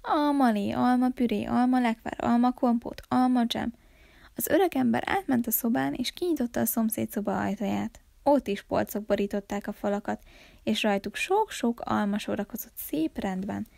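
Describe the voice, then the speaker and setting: A woman reading a children's story aloud, calm and expressive, her fairly high voice carrying a gravelly grain. The sound is close and dry, with no room echo. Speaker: library storyteller.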